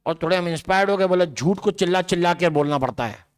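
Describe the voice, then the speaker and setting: Guy lecturing a big class, bit high voice, casual and chatty, keeps asking "right?". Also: quick pace, clean tone. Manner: conversational, asks students rhetorical questions. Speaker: biology teacher. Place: large classroom.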